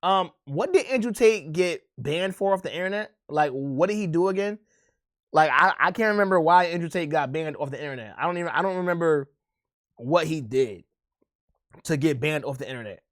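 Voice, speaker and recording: A man streaming and chatting casually with his viewers, speaking in a slangy drawl that often trails off quietly. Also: a little high, lively intonation, fairly quick. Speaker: streamer reacting to a video. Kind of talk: casual chat.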